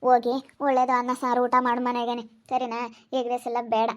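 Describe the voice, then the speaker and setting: A woman plays a chatty village food-stall keeper in an amateur skit. She talks fast and high in a flat, even run of brisk gossip. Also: close to an everyday voice. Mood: gossipy. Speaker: egg-rice stall owner.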